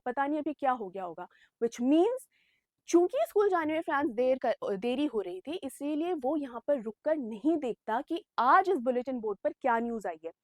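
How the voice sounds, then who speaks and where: High-voiced woman teaching, close and dry. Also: no echo. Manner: explains chapter in Hindi mixed with English, addresses students as beta. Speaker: English teacher. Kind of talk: online exam-prep lesson.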